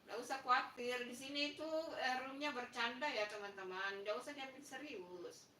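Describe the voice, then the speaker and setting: Woman live-stream host with a Makassar lilt, teasing and coaxing, high voice, roomy echo. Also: normal speed, pushed and bright, a little hiss or hum. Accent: Makassar Indonesian. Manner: playful, coaxing viewers to like and subscribe; teasing mock-sympathy. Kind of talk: casual live stream chat reading viewer comments. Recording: echoey room, voice a bit far from the mic.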